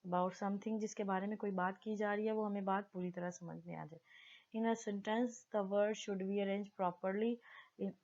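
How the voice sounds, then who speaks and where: Female tutor, deliberate classroom delivery, slightly muffled recording. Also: mid-range voice, fairly even intonation, a little mellow. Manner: mixes Hindi-Urdu explanation with slowly read English definitions. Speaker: English teacher. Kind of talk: slow explanatory lesson, reading English definitions aloud.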